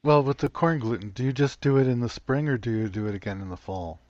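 A man hosting a radio show, asking a gardening guest questions in a relaxed way. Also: mid-range voice, fast, no room sound. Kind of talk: radio interview. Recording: dry, slightly dull studio sound.

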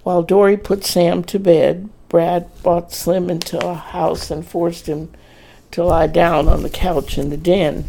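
Casting: male narrator for a romance audiobook, slow, gravelly, measured. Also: a little high, darkish tone. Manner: measured, plain storytelling. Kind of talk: scripted narration of a romance story.

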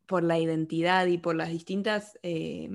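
Low, gravelly-voiced woman chatting. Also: fairly even intonation, unhurried. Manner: friendly, agreeable, uses many fillers. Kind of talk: casual conversation.

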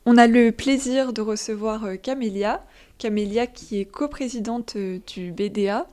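A woman hosts a student radio interview, asking her questions hesitantly and pausing on fillers. Her voice is very mellow and warm, with a soft, relaxed tone. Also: on the high side.

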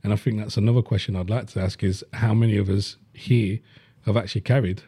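A man's voice: lowish voice, fairly even intonation, quick pace, mellow, slightly rough, dry recording, clean studio sound. A man, chatting bluntly on a podcast and swearing freely. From Leicester, England. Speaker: podcast host. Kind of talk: casual chat.

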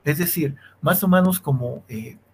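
Male law lecturer, interview guest. Halting, filler-heavy delivery that keeps checking the listener is following. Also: on the high side, husky. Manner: keeps checking in with a questioning "sí", many restarts and fillers. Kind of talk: academic explanation in an interview.

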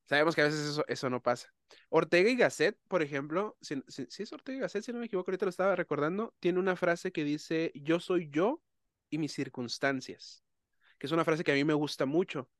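A man's voice: fairly high pitch, fairly quick, no echo, studio quality. Thoughtful man hosting a chat. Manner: thoughtful, explaining ideas carefully. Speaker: host. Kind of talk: casual conversation.

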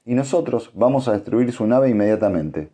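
A man's voice: medium pitch, expressive, moderate pace, warm tone, voice pushed up. A man doing a hot-headed young captain. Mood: heated.

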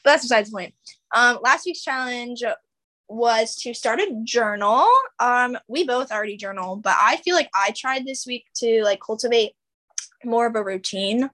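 Relaxed young woman co-host. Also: a little high, normal speed. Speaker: podcast co-host. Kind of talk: casual chat.

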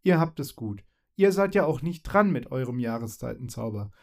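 A man's voice: medium pitch, big pitch swings, normal speed, vocal fry, a little mellow. A man voicing an anxious little female spring fairy in a storybook reading, fretful and glum.

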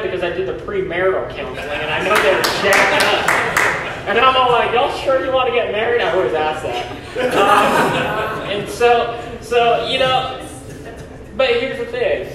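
A man's voice: sits high, lively intonation, unhurried. Guy preaching a sermon, plain-talking and emphatic, big cathedral echo, sounds far from the mic. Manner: emphatic, colloquial, exhortative. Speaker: pastor. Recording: echoey church, distant mic, faint noise.

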